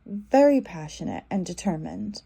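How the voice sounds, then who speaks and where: A woman's voice: mid-range voice, lively intonation, normal speed, creaky, dark tone, husky. A woman giving a casual tarot reading, talking in a loose, repetitive way with many fillers and restarts. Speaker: tarot reader.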